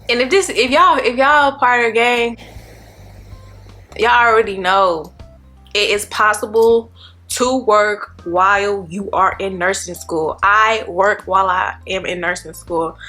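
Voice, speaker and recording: Bright-voiced chatty woman in her twenties. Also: medium pitch, a little slow, faint music behind. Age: 20s. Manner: chatty, rambling, addresses viewers as y'all. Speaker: vlogger, nursing student. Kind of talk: casual chat to camera.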